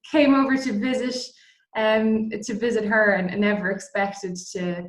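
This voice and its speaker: The speaker is a middle-aged Irish woman from Dublin who co-founded a distillery and appears as an interview guest, chatting informally about her career. She speaks with a mid-range voice, fairly even intonation, and a measured pace, and the sound is roomy with echo.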